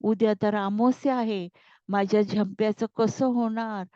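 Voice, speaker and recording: A woman's voice: mid-range voice, steady tone, measured pace, dark tone, no room sound, lightly acted. A woman voicing a distraught mother, frantic and fierce, in a storybook reading, heard on a dull, dry recording. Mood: wailing.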